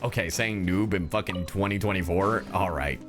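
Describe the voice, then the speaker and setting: A low-pitched man speaking at a moderate pace livestreams a game, tossing out casual, joking, sweary reactions as he plays. He's a streamer and professional voice actor, and faint game music can be heard in the background.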